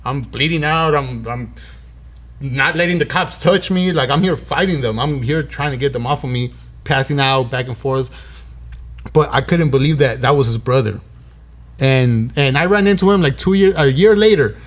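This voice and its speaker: His mid-range voice moves at a moderate pace as he narrates a story on his podcast. The host, a man in his thirties, stays animated and slangy, acting out the dialogue he quotes.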